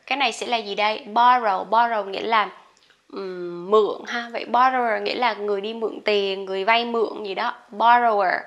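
A woman whose first language is Vietnamese, teaching English pronunciation in a relaxed online lesson. Her voice sits a little high and sounds bright. She chats through the examples and calls out each practice word clearly. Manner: chatty, models English words loudly.

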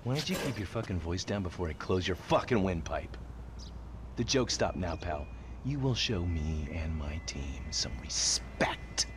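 A mocking, menacing agent boss. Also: male voice, deep voice, animated, measured pace. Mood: threatening. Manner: sarcastic, jeering laughs, threatening. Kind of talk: video game cutscene acting. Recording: game audio under loud gameplay noise.

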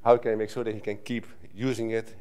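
Middle-aged Dutch man, slightly low voice, chatty conference talk at a lectern mic, restarts a lot. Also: flat delivery, quick pace, mellow, clear, resonant tone. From Netherlands. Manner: conversational, with frequent restarts and filler "right?". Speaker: conference speaker. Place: conference hall stage at a lectern. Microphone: lectern microphone.

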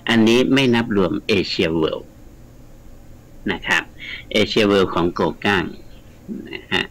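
A man's voice: lowish voice, slow, a bit bright, rough recording. A man, a guest scholar, explaining at length in a radio studio interview, chatty and lecturing, with frequent polite particles. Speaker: guest scholar of the Mekong region.

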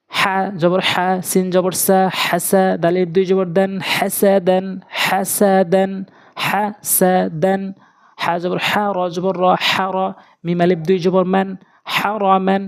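A Quran reading teacher from Bangladesh with a Bangladeshi Bengali accent, giving a lesson as a steady, repetitive sing-song spelling drill. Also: mid-range voice.

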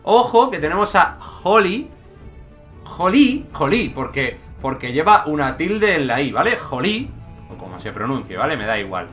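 Excitable young gaming commentator. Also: male voice, mid-range voice, faint music behind. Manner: excitable, jokey, rapid shifts between shouts and mutters. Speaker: gaming YouTuber. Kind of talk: energetic gameplay commentary.

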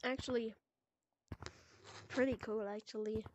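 A woman giving chatty, excitable commentary while playing a VR game, reacting to each new item and humming to herself. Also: fairly high pitch, measured pace. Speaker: gameplay video creator. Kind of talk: casual gameplay commentary. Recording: constant clear background noise.

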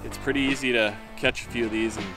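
A man's voice: mid-range voice, fast talker. Laid-back male angler, thirties, talking through his fishing on a lake, clip mic, faint music underneath. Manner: relaxed, chatty, lots of fillers and restarts. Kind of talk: casual fishing commentary. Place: small boat on a lake, outdoors.

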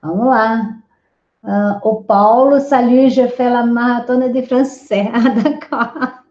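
Lively woman teacher greeting live viewers. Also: fairly high pitch, slow pace. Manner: lively, reads out viewer comments and greets each by name. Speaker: French teacher hosting a live class. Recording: roomy, dull lo-fi stream audio.

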